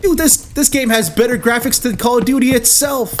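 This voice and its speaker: A man giving energetic, excited commentary over his own gameplay, shouting during fights. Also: very high voice, a little fast, over loud music. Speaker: gaming YouTuber.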